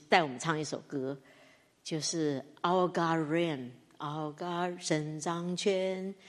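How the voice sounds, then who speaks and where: Animated woman preaching in a reverberant hall. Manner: animated, swinging from soft to loud and high. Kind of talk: sermon. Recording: long reverb of a church hall.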